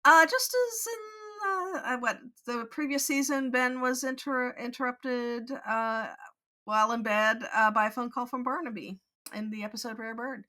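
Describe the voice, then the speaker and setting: Bright-voiced, easygoing female podcast co-host. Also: a little high. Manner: agreeable, quick to laugh, frequent yeahs. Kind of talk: casual chat.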